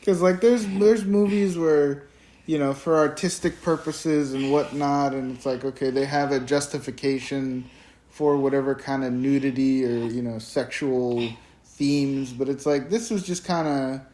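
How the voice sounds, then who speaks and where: A man's voice: mid-range voice, steady tone, unhurried, mellow. A man co-hosting a casual movie review, laid-back and hedging, with lots of "like".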